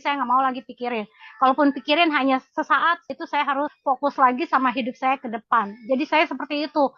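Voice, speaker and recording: High-voiced woman giving earnest testimony. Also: no echo. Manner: emotional, earnest, halting with many fillers. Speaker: congregation member sharing testimony. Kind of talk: casual spoken testimony. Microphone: video call. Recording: dull lo-fi video call audio.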